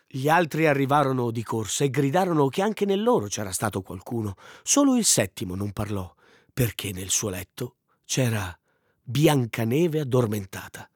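A man reads a fairy tale aloud, lively and expressive, his voice a bit husky. The sound is close and dry, with no room around it. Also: medium pitch, moderate pace, no room sound. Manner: expressive, animated. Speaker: storyteller. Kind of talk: storybook reading.

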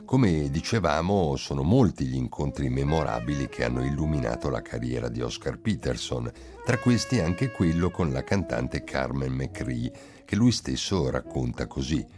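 A man with a very deep voice hosts a jazz radio program and reads a script in a measured storytelling way. Soft jazz plays faintly behind him. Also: big pitch swings, music in the background. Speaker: radio host.

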